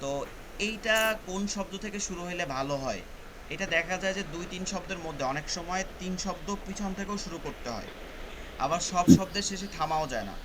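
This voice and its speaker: A man's voice: high voice, expressive, a little fast, a crowd in the background, rough recording. A male Quran teacher, patiently explaining rules step by step in an online class. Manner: patient, repeats points step by step.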